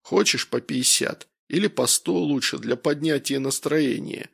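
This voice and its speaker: A man's voice: mid-range voice, normal speed, creaky, a bit bright, slightly rough, heavily acted. A man voicing a brash, hard-drinking middle-aged man with a blunt, boisterous way of talking, in an audiobook.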